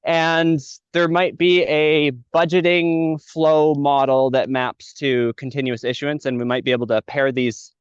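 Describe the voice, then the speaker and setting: A man's voice: on the high side, level tone, a little slow, few pauses, smooth, dry recording. A man asking a question on a group call while out of breath from hiking uphill. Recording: dry lo-fi call audio.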